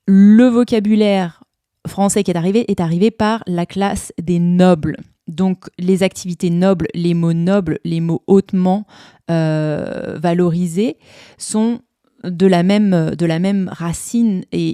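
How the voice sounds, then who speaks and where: A woman hosts a podcast lesson, walking through an English poem word by word and quizzing her listeners as she goes. Her voice sits low and mellow. The sound is dry and close, with no room around it. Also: no echo. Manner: patient, explains step by step, asks the listener questions. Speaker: language teacher and podcast host.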